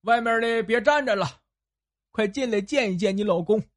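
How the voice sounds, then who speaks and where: A man doing a deep, calm old man. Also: no echo, clean studio sound, natural voice. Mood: calm, commanding. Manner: low, quiet, measured.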